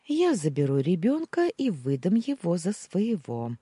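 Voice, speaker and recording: A woman voicing a greedy, scheming young woman with a pushy, sharp-tongued manner, reading an audiobook. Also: lowish voice, wildly swooping pitch, a little slow, husky, no echo, studio quality, voice pushed up, exaggerated voice.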